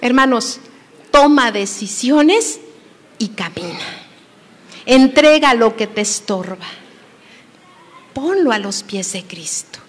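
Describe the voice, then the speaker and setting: High-voiced woman preaching in an echoing hall. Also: animated, unhurried. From Mexico. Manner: emphatic, shifts between loud exhortation and hushed near-whisper. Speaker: preacher at a women's conference. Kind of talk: sermon. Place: church hall. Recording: long echo of a hall.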